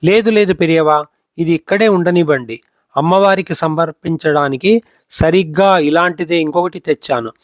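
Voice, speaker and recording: A man's voice: fairly high pitch, normal speed, no room sound, clean studio sound, natural voice. A man voicing a humble, polite village woman in a storybook reading.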